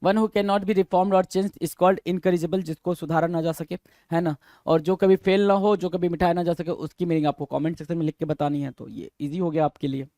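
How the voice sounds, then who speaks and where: This man, whose voice is fairly high with a steady, dark tone, preps listeners for an exam by teaching English vocabulary. He reads each definition slowly in English and explains it in Hindi, then quizzes with repeated questions and spells answers letter by letter. No room sound is audible.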